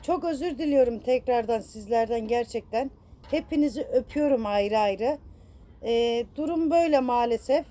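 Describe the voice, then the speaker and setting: Upset high-voiced woman vlogger. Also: normal speed, mellow. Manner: upset, rambling, self-reproaching, many fillers; affectionate toward viewers. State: distressed. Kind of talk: casual vlog apology to viewers.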